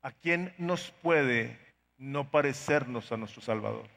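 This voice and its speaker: A middle-aged man, a pastor, preaching a sermon with pleading, dramatic swings in loudness. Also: mid-range voice, takes it slowly, creaky, in a large hall.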